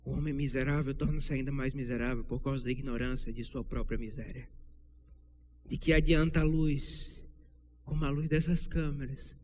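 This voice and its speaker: A young man preaching an evening sermon in a church with a Brazilian Portuguese accent, swinging from loud rebuke to quiet, low passages. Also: steady tone, moderate pace, a little hiss or hum. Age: young adult. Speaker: pastor. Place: church during an evening service.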